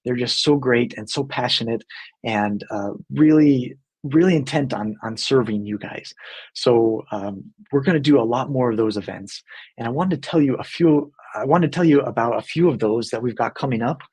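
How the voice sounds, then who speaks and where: Earnest man with a husky voice. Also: medium pitch, moderate pace, darkish tone. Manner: friendly, earnest, lots of fillers and restarts. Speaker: company team member hosting a video segment. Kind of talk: casual talk to camera.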